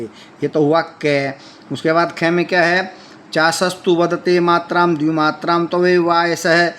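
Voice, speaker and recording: A man's voice: a little high, fairly bright tone, a little hiss or hum. A man teaching a textbook lesson, reading each classical phrase aloud and then explaining it patiently, step by step. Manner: patient, repeats points step by step. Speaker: Sanskrit teacher.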